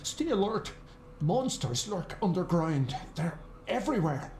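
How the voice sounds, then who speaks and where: A woman's voice: fairly low pitch, big pitch swings, unhurried, a little mellow, roomy sound, faint music behind. A woman voicing a grave townswoman in a video game. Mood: ominous. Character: grave woman warning of monsters.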